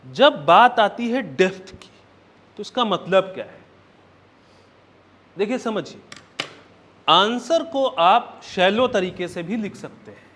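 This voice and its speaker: High-voiced male teacher lecturing. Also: lively intonation, slow, pauses often, fairly bright tone. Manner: checks in often with "right?" and "okay?"; explains step by step, counting points aloud. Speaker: exam coaching teacher. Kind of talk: classroom lecture.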